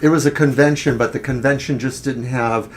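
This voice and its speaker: A man co-hosting a tarot live stream, speaking at a mid pitch in an unhurried, musing way. He thinks aloud and scatters "uh" fillers through his sentences. A faint hiss of noise sits under his voice. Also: fairly even intonation. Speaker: tarot reader, co-host.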